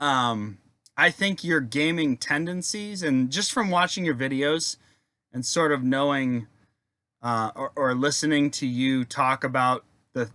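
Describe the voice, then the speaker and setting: A man's voice: a little high, bright, forceful tone, no room sound. A young adult man rambling casually in a video rant, laid-back and swearing freely, with lots of fillers. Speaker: wargaming video maker.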